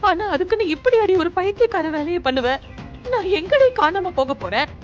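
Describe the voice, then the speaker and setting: A woman's voice: extremely high pitch, very animated, brisk, lo-fi sound. An actress playing an emotional middle-aged mother in a TV serial, pleading and anxious. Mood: distraught. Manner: pleading and emotional, rising to distress. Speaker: mother of the heroine. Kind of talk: Tamil TV serial acting. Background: soap opera music score.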